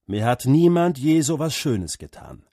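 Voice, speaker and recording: Brief: loving husky farmer father, voice lifted above his own, slow and lilting, as a male narrator puts him on. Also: mid-range voice, sing-song, dark tone, dry recording, studio quality, pitched above the performer's own voice. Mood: moved.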